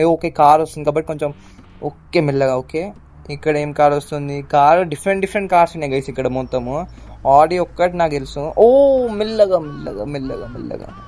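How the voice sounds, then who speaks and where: A man's voice: on the high side, darkish tone. A young man gives casual gameplay commentary, chatting with his viewers and calling out to people in the game. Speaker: gaming YouTuber.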